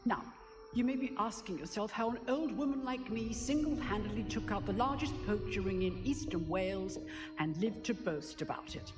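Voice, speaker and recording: A woman performs an elderly witch professor from a video game, stern and proud of old exploits. Her delivery is crisp and commanding, with animated swings in pitch. Music plays behind her. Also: moderate pace, lightly acted. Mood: proud, dry. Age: older. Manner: crisp, commanding, theatrical storytelling. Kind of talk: video game character acting.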